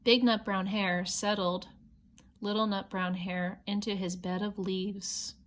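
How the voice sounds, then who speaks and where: A woman's voice: medium pitch, little pitch movement, slow pace. A woman reading a children's picture book aloud, with simple explanatory asides for young listeners. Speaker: storybook reader.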